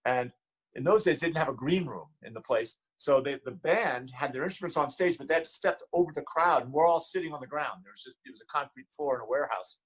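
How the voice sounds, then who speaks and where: A man in a casual interview, telling a lively personal anecdote. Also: medium pitch, fast, breathy edge, rough recording. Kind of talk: casual chat.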